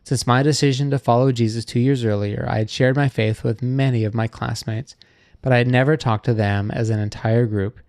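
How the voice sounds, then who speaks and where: Gravelly man reading a memoir aloud. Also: medium pitch, steady tone, a little mellow, dry recording, clean studio sound. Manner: earnest, measured storytelling. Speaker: reader of a missionary memoir.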